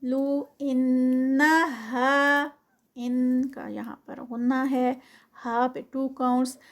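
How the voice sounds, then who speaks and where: High-pitched woman tajweed teacher; recites slowly, then explains briskly. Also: flat delivery, a little mellow. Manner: slow drawn-out recitation alternating with quick explanation.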